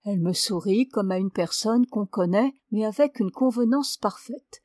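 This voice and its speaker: A woman reading a classic story aloud at an even, middle pitch. Her narration is measured and expressive, recorded close and dry. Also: no room sound. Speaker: reader. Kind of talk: literary audiobook narration.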